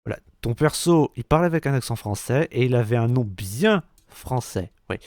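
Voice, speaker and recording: Man from France, crude sarcastic rant, lively swinging pitch, dry close sound. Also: normal speed, no echo. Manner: crude, profane, sarcastic ranting. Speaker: youtuber reacting to a trailer. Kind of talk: angry reaction rant.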